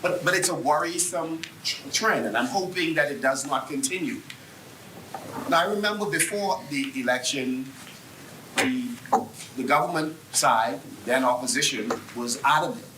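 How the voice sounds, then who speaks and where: A Bahamian man from Nassau, an opposition member of parliament, probing the government in debate, halting and restarting his sentences. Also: mid-range voice, pushed and bright, recorded from a distance, a little hiss or hum. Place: parliament chamber. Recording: echoey chamber, off-mic.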